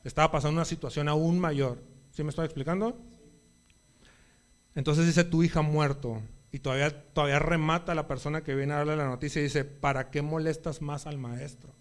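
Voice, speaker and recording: A man's voice: a little high, fairly even intonation, a little fast. A man preaching a Sunday sermon in a conversational way, often checking in with the congregation and rising in volume at emphatic points.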